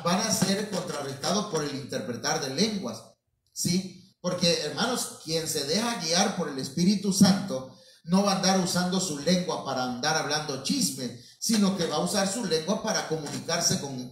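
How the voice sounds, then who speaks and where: Echoey preaching man, fairly high voice. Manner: addresses listeners as brothers, repeats and restarts words. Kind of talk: sermon. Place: church hall. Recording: very echoey room, mic at a distance.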